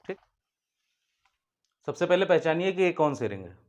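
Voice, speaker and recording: A man's voice: fairly high pitch, sing-song, normal speed, dull audio. A man teaching a biology class, asking his own questions and answering them, and often calling the students "beta". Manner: repeats key points as questions and answers them; addresses students fondly as "beta". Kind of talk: whiteboard lecture for school students.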